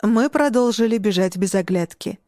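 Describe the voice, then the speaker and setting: Audiobook narrator, woman, mid pitch, measured delivery, dry close-miked sound. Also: mellow, no echo. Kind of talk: scripted first-person narration.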